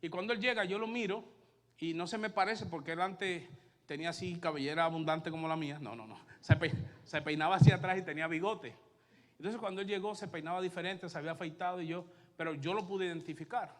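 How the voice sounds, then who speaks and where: A male pastor with a Puerto Rican Spanish accent preaching a sermon and telling his own story, alternating loud emphasis with hushed asides. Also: high-pitched, fast talker, in a large hall. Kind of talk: sermon with personal testimony. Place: church sanctuary.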